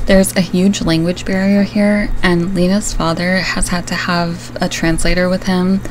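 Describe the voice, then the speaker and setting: A woman from Syria narrating a true crime video in a measured, earnest, explanatory way. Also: fairly low pitch, flat delivery, a little hiss or hum, low-quality recording. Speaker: true crime channel host.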